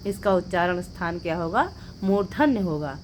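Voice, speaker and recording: A woman's voice: fairly low pitch, expressive, normal speed, a little hiss or hum. A woman teaching an exam-prep lecture, asking the class questions and then answering them herself. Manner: drills points with rhetorical questions and repeats the answers.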